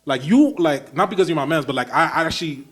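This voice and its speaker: A man's voice: a little high, animated, fast talker, a bit bright, slightly rough. A male podcast host from Brooklyn, talking in an easygoing, chatty way. He asks long, winding questions with a lot of enthusiasm and keeps the conversation loose and friendly. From Brooklyn, New York. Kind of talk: casual interview chat.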